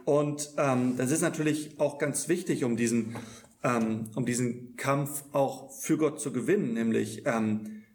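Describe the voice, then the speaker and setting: A man's voice: mid-range voice, measured pace, a little mellow. A man preaching a sermon in an earnest tone, often stumbling over repeated words as he restarts.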